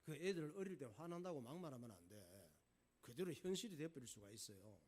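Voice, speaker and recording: Lively male pastor telling a story. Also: mid-range voice, a little fast, breathy edge. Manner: folksy, animated storyteller. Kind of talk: storytelling sermon.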